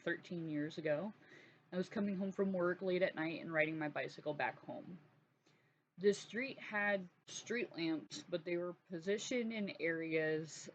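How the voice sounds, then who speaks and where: A woman hosting her own channel, telling a personal story in a halting, earnest way with many restarts. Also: on the low side. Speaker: art channel host. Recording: dull lo-fi sound with faint noise.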